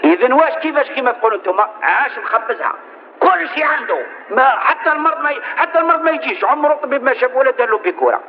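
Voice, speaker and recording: A man's voice: extremely high pitch, expressive, racing, lo-fi sound, a little hiss or hum. A man with an Algerian Arabic accent preaching a sermon in dialect, rhetorical and insistent, often stopping to ask his listeners whether they have understood. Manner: rhetorical, keeps asking "understood how?".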